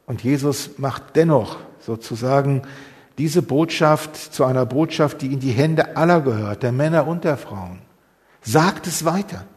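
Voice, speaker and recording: A man's voice: medium pitch, moderate pace, a little mellow, long reverb tail. A man preaching a sermon, earnest and full of rhetorical questions. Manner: earnest, many rhetorical questions, rising emphasis.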